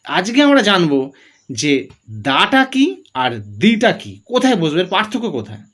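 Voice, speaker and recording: Male teacher: high, animated delivery that quizzes and answers itself. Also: moderate pace. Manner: asks questions and answers them himself, drilling examples. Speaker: English grammar teacher. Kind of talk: classroom-style explanation.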